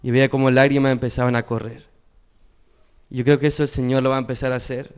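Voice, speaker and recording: Earnest young man preaching, smooth voice. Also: medium pitch, level tone, fast. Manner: earnest, with rhetorical questions to the congregation. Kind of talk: sermon.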